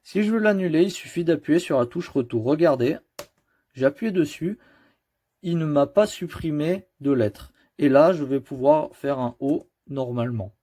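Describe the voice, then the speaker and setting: A man's voice: on the high side, expressive, normal speed, dark tone. A man explaining keyboard shortcuts step by step in a computer tutorial, patient and addressing the viewer directly. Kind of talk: screen-recorded keyboard tutorial.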